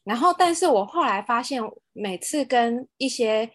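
A woman with a Taiwanese accent talks in casual podcast chat. Her voice sits fairly high and comes through dry, with little room sound. She has a self-mocking, mildly exasperated way of telling things. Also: animated, normal speed, dry recording. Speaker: podcast co-host.

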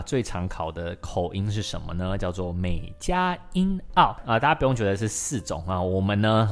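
A young man teaches an English-learning podcast lesson. He talks in a chatty, lively way, full of sentence-final particles, and says English words slowly and repeats them. Faint music plays under his voice. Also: on the low side. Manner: models English pronunciation slowly and in repetition.

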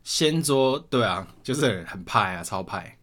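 A man's voice: fairly low pitch, normal speed. A young man from Taiwan co-hosting a podcast, telling school stories in a casual chat with plenty of swearing. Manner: swears often, animated retelling. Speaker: podcast co-host.

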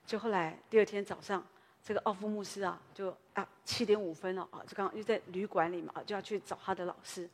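Woman, pastor, sermon, chatty storytelling, husky, reverberant church hall. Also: medium pitch, steady tone, fast talker. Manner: conversational storytelling, frequent tag particles.

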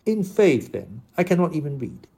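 A man's voice: on the high side, big pitch swings, normal speed, vocal fry, mellow, slightly rough, full character voice. A man doing the voice of a blunt, shrewd peasant squire in an audiobook, with a raised, altered tone. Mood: earthy. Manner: homely, blunt talk. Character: plain-spoken peasant squire, earthy and shrewd. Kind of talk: audiobook character reading.

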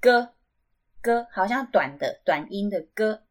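A woman hosting a casual language lesson podcast, patiently repeating each sound slowly and clearly. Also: mid-range voice, expressive. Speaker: podcast host.

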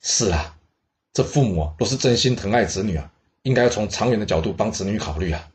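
A man voicing an elderly court minister who speaks slowly, politely and persuasively. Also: on the low side, expressive, lightly acted. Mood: coaxing.

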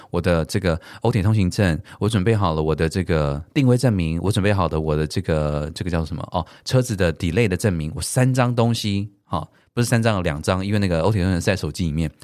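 A middle-aged man with a Taiwanese Mandarin accent hosts a solo podcast and tells a travel story with animated English swearing mixed in. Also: deep voice, no room sound, clean studio sound. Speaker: podcast host.

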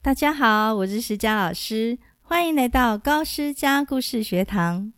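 A woman teacher hosting a storytelling show, narrating a scripted story in a measured, clear, gently expressive way. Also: fairly high pitch, faint music behind.

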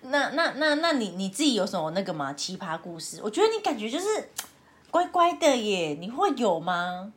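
A woman, hosting a podcast and telling a story in a casual, animated way, often laughing. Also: moderate pace. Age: 30s. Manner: animated, laughing, acts out her own past lines in a high voice. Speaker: podcast host. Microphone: home remote recording.

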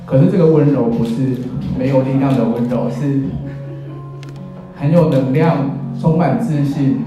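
A man's voice: medium pitch, unhurried. A man in his thirties with a Taiwanese accent, giving a wedding speech as officiant with wry, self-deprecating humour. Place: in a church, speaking to guests. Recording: very echoey church hall, music behind.

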